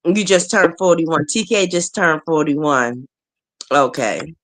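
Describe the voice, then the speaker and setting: Laughing lower-voiced woman in her forties. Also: animated, slow pace. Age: 40s. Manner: laughs often, greets viewers by name. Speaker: live show host. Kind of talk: casual chat.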